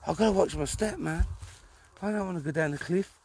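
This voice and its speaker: A man's voice: sits high, a little fast, a little mellow. Man on a noisy outdoor ghost-hunt livestream. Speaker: paranormal investigator on a livestream. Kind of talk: casual live ghost-hunt chat. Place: outdoors in woods at night. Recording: faint noise, handheld live stream outdoors.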